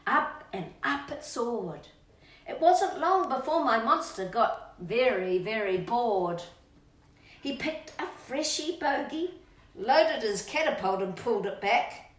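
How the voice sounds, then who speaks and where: A children's storytime host reads slowly in a fairly high, animated voice, sing-song and playful, drawing out words for emphasis. She pauses to talk to her pet dog, and the recording has a roomy echo from a distant microphone.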